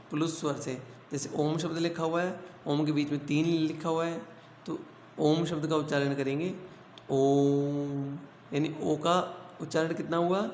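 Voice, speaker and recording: A man teaching a grammar lesson to school students, asking questions aloud, answering them himself and repeating the key points. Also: fairly high pitch. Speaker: Hindi teacher. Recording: echoey room with long reverb and faint hiss.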